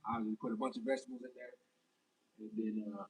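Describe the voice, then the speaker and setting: A man's voice: mid-range voice, little pitch movement, quick pace, distant mic, low-quality recording. A young adult man on a casual fitness livestream, reading viewer comments and answering them in a loose, chatty way.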